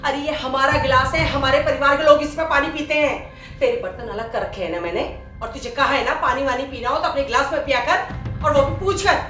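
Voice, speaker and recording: A woman's voice: brisk, a bit bright. A woman playing a harsh, scolding mother-in-law. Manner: scolding, contemptuous, shrill. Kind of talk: short film acting. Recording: echoey room with music.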